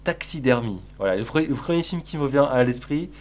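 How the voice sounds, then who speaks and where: A man's voice: mid-range voice, animated, brisk, a little mellow, a little hiss or hum. Crude, sarcastic male streamer. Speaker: live streamer. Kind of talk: casual live-stream chat.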